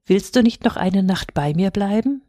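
A gentle, sorrowful statue prince, as a woman reads him. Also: medium pitch, animated, normal speed, no echo, studio quality, lightly acted. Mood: pleading.

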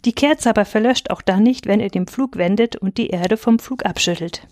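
A woman's voice: medium pitch, a little mellow, dry recording, clean studio sound, lightly acted. A woman reading aloud, voicing a timid male village elder who speaks hesitantly. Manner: hesitant, halting.

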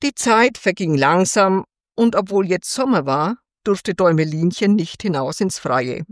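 A woman reading a fairy tale aloud for children in a gentle, expressive storytelling manner. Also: fairly low pitch, a little slow, dry recording, clean studio sound.

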